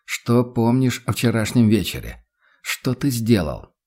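Man playing a calm stern inquisitor. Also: medium pitch, measured pace. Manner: restrained, level, insistent questioning.

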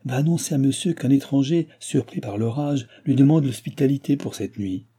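A man's voice: medium pitch, fairly quick, dark tone, husky, voice pushed up, lightly acted. A man voicing a flustered old male servant with a quavering voice.

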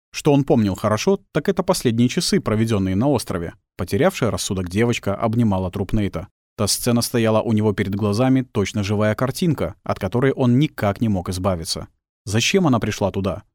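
Guy reading an audiobook, really lively pitch, dead dry booth sound. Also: no echo. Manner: expressive, tense storytelling. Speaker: audiobook narrator. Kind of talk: dramatic scripted narration. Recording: dry close studio sound.

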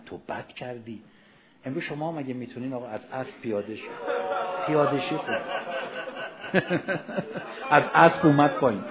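A man preaching a sermon, telling a story dramatically, moving from hushed passages to loud exclamations. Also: a little high, dull audio. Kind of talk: Ramadan religious sermon storytelling.

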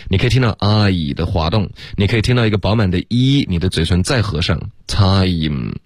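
A man teaching English pronunciation on a radio lesson, patient and drilling sounds slowly with many fillers. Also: deep voice, expressive, a little mellow, no room sound, clean studio sound.

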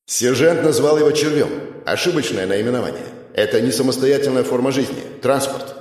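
A man voicing a calm male AI inside a combat suit, speaking in flat, clipped reports. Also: mid-range voice, fairly quick, husky, pitched above the performer's own voice, natural voice. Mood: clinical.

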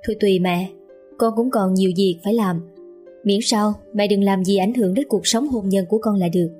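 A man's voice: high-pitched, brisk, warm tone, soft background music, lightly acted. A woman voicing a hot-tempered young man who speaks curtly and threateningly to his mother. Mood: irritated. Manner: curt, demanding and threatening.

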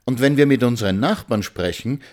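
A man voicing a theatrical, exclaiming woman in a storybook reading, lifting his voice higher. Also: a little fast, close to an everyday voice. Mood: eager.

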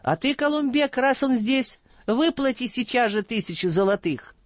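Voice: mid-range voice, animated, normal speed, dry recording, dull audio, voice pushed up, close to an everyday voice. A reader voicing a stern, just older caliph who questions sharply, in an audiobook. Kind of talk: audiobook reading.

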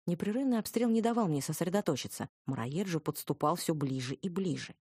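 A woman's voice: lowish voice, lively intonation, brisk, darkish tone, breathy edge, no room sound, clean studio sound. A woman narrating a first-person fantasy audiobook in a wry, ironic manner.

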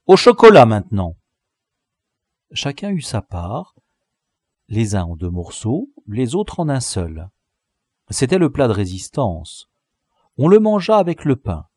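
A man narrating a novel as an audiobook reader, in a lively, expressive storytelling manner. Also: mid-range voice, a little slow, pauses often, no room sound, studio quality.

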